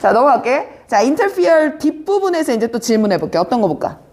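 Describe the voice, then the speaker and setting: A woman teaching an English vocabulary class, brisk and teasing, quizzing students by name. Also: high-pitched, sing-song, darkish tone. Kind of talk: live online vocabulary class.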